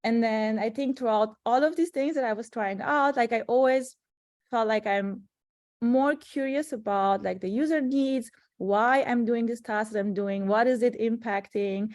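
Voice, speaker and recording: A woman's voice: a little high, normal speed, darkish tone, dry recording, clean studio sound. Young woman from Romania, chatty, laughs often, product manager, speaking from an office. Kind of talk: casual panel interview. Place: office meeting room.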